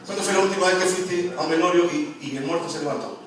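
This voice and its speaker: A man preaching a sermon in a church hall, lively and joking as he quizzes the congregation. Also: high voice, fast talker. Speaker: pastor. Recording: very echoey hall, from far off.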